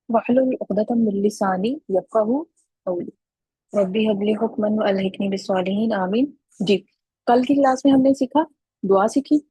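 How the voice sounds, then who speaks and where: A woman's voice: medium pitch, dark tone, husky, no echo, rough recording. A woman teaching an Arabic grammar lesson online over a video call, patiently calling on students by name.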